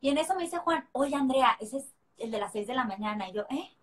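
Playful high-voiced Mexican woman. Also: animated, a bit bright, breathy edge, poor audio. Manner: playful, teasing, quick to laugh. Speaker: live stream host. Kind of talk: casual chat on a live video call.

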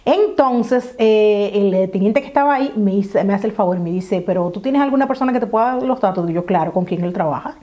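A woman's voice: medium pitch, fast talker, hardly any pauses. A young woman, telling a dramatic storytime vlog and acting out the quotes. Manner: animated, dramatic retelling with acted-out quotes. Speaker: vlogger. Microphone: camera mic.

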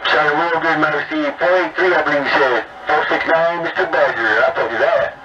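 A man's voice: on the high side, brisk. A man on a CB radio call, chatting in an easygoing way and repeating his phrases. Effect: heard over CB radio. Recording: distant muffled CB radio with heavy static.

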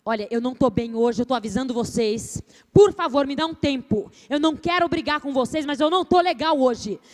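A woman acts out a worn-out mother who has reached her limit. She nags and scolds in a high voice, with loud outbursts. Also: brisk, natural voice. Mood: exasperated. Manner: nagging, exasperated, rising to shouts.

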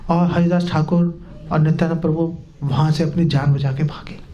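A man, a spiritual teacher, telling a sermon story to a live audience, animated and joking with his listeners. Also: on the high side, normal speed, highs cut off, slight background noise.

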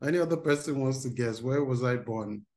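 A man's voice: medium pitch, a little fast, darkish tone. A man, running an interactive online workshop for teens over a video call. He talks in an upbeat way and reads out replies from the chat. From Nigeria. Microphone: video call webcam.

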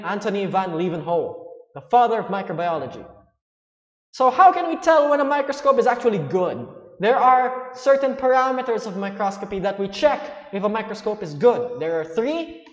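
Chatty high-voiced man teaching science. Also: roomy sound, in a large hall, muffled recording. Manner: loose and chatty, with fillers. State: hiccuping. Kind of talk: explaining a science lesson.

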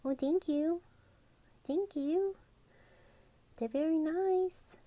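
A woman's voice: very high voice, drawn-out words, warm tone. A young woman in her twenties chatting casually in a home vlog, talking sweetly to her pets. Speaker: vlogger. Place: home pet room, indoors.

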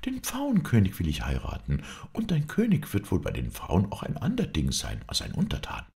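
A man's voice: sits low, wildly swooping pitch, moderate pace, creaky, a little mellow, pitched above the performer's own voice, full character voice. A man reading aloud and voicing a spoiled, headstrong young princess who speaks indignantly and insistently.

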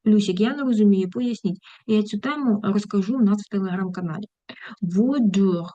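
A woman teacher giving an online grammar lesson. She explains each point, checks with the class whether they understood, and slows down to read example sentences. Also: medium pitch, mellow, no echo, lo-fi sound. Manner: explains, then asks the class "got it?". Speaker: German teacher. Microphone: video call.

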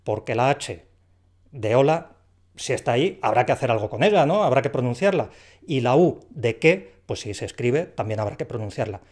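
A man's voice: medium pitch, animated, fairly quick, darkish tone. Patient man explaining spelling. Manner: clear, patient explaining with rhetorical questions. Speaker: language teacher. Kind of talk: explaining a dictation lesson.

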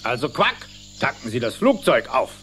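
A man's voice: mid-range voice, very animated, moderate pace, a bit bright, a little hiss or hum. A man voicing a bossy, irascible old rich duck uncle with a commanding, emphatic manner in a cartoon radio play. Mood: bossy, stern.

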